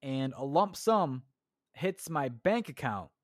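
Speaking slowly in a sing-song, mid-range voice, this young man rambles crudely through a solo comedic rant on his own podcast. He mocks himself and swears often, and the studio-quality audio has no echo.

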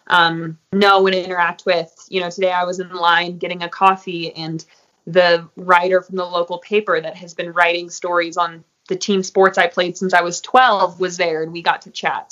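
A woman, a guest in an interview, talking casually and filling pauses with "um" and "you know.". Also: on the low side, fairly bright tone. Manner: friendly, many fillers like um and you know. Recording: muffled, lo-fi audio.

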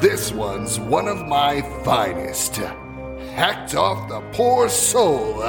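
A man voicing a macabre, easily irritated horror shopkeeper who hosts an audio horror drama with slow, drawn-out, mock-sinister delivery. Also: a little high, very animated, vocal fry, music in the background, voice pushed up, exaggerated voice. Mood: menacing. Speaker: horror shop keeper host.

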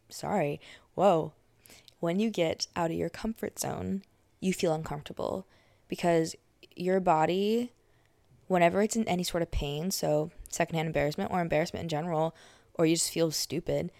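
Low, gravelly young woman chatting. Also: darkish tone, dry recording. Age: young adult. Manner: chatty, filler-heavy, self-correcting. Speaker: podcast host. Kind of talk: casual monologue.

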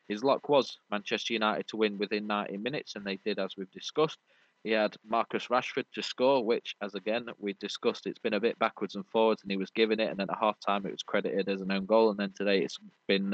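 A man's voice: on the low side, dry recording. A British man hosting a sports podcast, chatting casually and explaining things in a matey, rambling way. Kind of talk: casual sports review chat. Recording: dull lo-fi audio.

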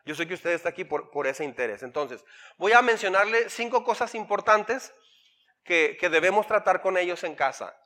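A man preaching a sermon to his church, animated, asking the congregation questions and acting out parents and kids in quoted voices. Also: high-pitched, normal speed. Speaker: pastor. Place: church hall.

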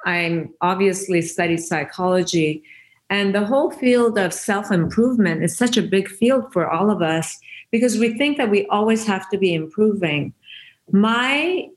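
Unhurried and animated, this medium-pitched woman shares stories in a conversational interview. She's from Iran, speaks Farsi natively, and is the founder of a women's giving circle. Her telling is earnest and reflective, with frequent restarts.

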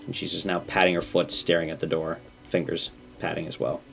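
A man narrating scenes as game master of a tabletop horror game, relaxed and chuckling. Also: a little fast, gravelly, faint music behind. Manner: relaxed, chuckling, describes scenes in a low soft voice.

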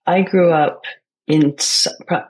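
A woman's voice: deep voice, steady tone, slow pace, darkish tone, breathy edge, low-quality recording. An American woman speaking as an interview guest, thoughtful and searching for words with frequent restarts. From United States. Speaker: guest, poet and playwright. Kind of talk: reflective conversation.

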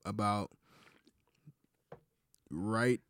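A man guest on a podcast, soft-spoken and hesitant, talking casually with many fillers. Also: on the low side, extremely slow, no room sound. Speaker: guest musician.

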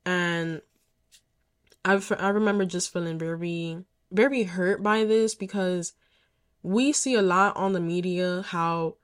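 A woman's voice: on the low side, fairly even intonation, unhurried, clear, resonant tone. A young woman candidly telling a personal story as a podcast host, emphatic and swearing often.

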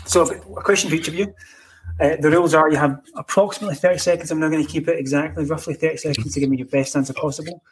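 A man's voice: fairly high pitch, fairly even intonation, slightly rough. Upbeat man hosting a podcast. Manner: upbeat, playful, quick to praise. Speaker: podcast host. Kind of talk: casual chat.

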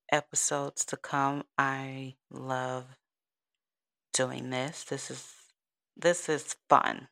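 A woman in her 30s hosts a casual solo podcast, rambling and giggling in a soothing voice. Her voice is deep and gravelly, with a fairly bright tone.

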